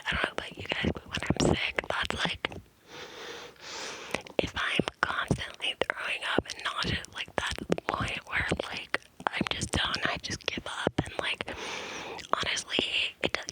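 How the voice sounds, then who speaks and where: A person whispering breathily into cupped hands close to the mic, in a casual, rambling ASMR style with hesitant asides. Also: rough recording. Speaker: ASMR creator. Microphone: close ear-to-ear microphone.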